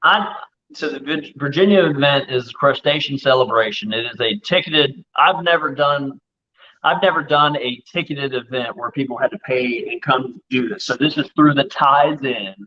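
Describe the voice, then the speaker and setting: A man speaking as a guest chef in a casual live-stream chat, telling stories in an excitable, rapid way. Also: mid-range voice, dull audio, a little hiss or hum.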